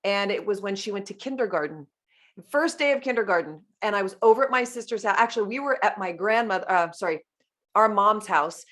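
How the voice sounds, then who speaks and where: A woman hosts a podcast interview, asking long, effusive questions and sharing stories about her family. Her mid-range voice is animated, brisk and fairly bright.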